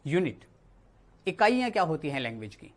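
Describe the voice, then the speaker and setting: A man's voice: fairly high pitch, very animated, brisk. Man teaching English, step by step. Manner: explains step by step, repeats words, says "ठीक है" often. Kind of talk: spoken Hindi classroom lesson.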